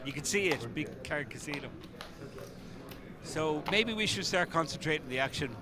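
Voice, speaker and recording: An Irish man leads live poker commentary in a fairly high male voice. He is chatty and colloquial, with hesitant asides, and a loud crowd is heard behind him. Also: expressive, normal speed. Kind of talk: casual unscripted live commentary.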